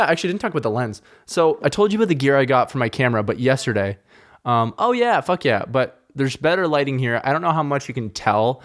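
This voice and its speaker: A man hosts his podcast solo, talking loosely and cheerfully with plenty of swearing. His voice sits at an ordinary middle pitch. He speaks indoors into a podcast microphone. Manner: rambling, profane, upbeat. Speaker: podcast host. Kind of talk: casual solo podcast chat. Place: indoor room.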